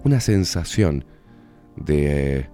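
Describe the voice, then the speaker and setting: A man's voice: very deep voice, animated, slow pace, warm tone, faint music behind. A man with a Rioplatense accent hosting a casual radio show, joking, crude and teasing. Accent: Rioplatense Spanish. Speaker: radio host.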